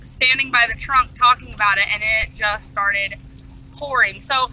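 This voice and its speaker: A woman's voice: on the high side, moderate pace, sharp tone, poor audio. A woman hosting a casual vlog from a car, chatting to viewers while eating with her mouth full. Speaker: vlogger host. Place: inside a car on the road.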